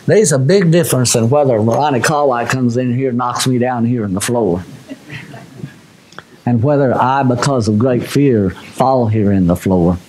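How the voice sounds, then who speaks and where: A man preaching a sermon, folksy and plain-spoken, reading scripture with rising fervor and dropping low for asides. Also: a little mellow, a little hiss or hum. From Missouri, USA. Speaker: pastor.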